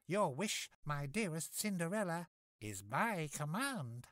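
A man's voice: on the high side, big pitch swings, slow pace, fairly bright tone, dry recording, studio quality, voice pushed up, heavily acted. A man voicing a cheerful, motherly old fairy who talks in a doting sing-song way. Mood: reassuring.

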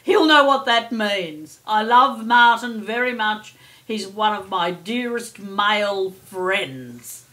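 A woman's voice: mid-range voice, lively intonation, slow, sharp tone. A middle-aged or older woman hosting a chatty daily horoscope as a psychic, playful, theatrical and effusive, often calling listeners darling. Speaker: psychic and astrology host.

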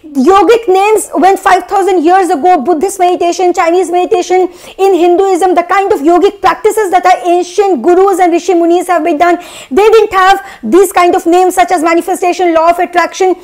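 Very high-pitched young woman, earnest motivational coach. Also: steady tone, normal speed, darkish tone. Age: young adult. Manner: earnest, emphatic, preachy, repeats phrases for emphasis. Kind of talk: motivational spiritual talk. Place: small indoor room, seated at a desk.

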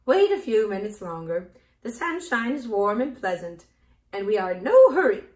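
A woman voicing a bold, matter-of-fact female talking hen in a storybook reading, loud and emphatic, in a roomy, echoey recording. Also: medium pitch, sing-song, moderate pace, distant mic, lightly acted. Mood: confident. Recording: roomy echo.

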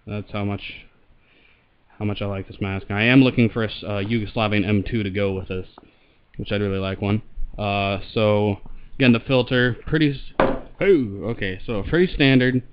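A man's voice: lowish voice, steady tone, moderate pace, muffled recording, slight background noise. A man giving a casual, hands-on product demonstration as a reviewer. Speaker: gas mask reviewer.

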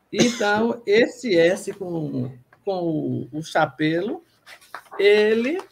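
A Brazilian woman hosts a radio language lesson at a slow, measured pace. She reads the material aloud and sounds out letters and vowels one at a time, patient and deliberate. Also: medium pitch. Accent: Brazilian Portuguese. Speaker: radio host and language teacher. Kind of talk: reading a pronunciation lesson aloud.

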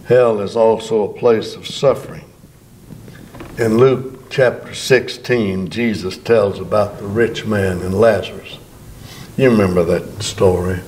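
Slow, deliberate older preacher. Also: male voice, on the low side, fairly even intonation, darkish tone, slight background noise. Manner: slow, emphatic preaching with drawn-out words. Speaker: pastor. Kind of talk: sermon. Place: church sanctuary before a bank of flowers. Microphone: podium microphone.

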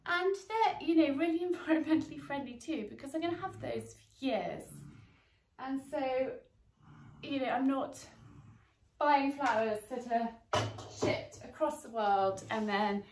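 A woman in her forties, her voice high-pitched, animated, a bit slow and somewhat mellow, chats warmly through a home cleaning demo, working as she talks and leaning on filler words. Faint noise and echo fill the sunlit garden room where she records.

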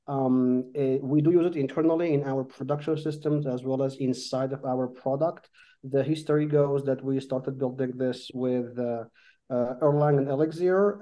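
A man, a company co-founder, gives a relaxed, informal software demo over a group video call, with frequent fillers and restarts. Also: medium pitch. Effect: heard over a group video call. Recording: dull lo-fi video call audio.

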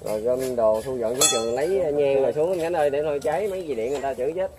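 A man's voice: medium pitch, rapid-fire, crowd noise. A man chatting and joking casually outdoors while helping catch bees. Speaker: bee-catching companion. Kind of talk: casual chat.

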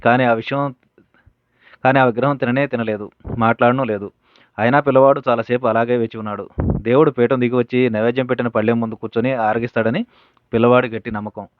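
A man reads devotional teachings and tales aloud at an even, steady pace, pausing now and then to correct himself. The audio is thin and narrow like a phone line, with a close, dry sound and no room echo. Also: mid-range voice. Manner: steady reading with occasional self-corrections. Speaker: reader of spiritual teachings. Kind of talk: reading a devotional book aloud.

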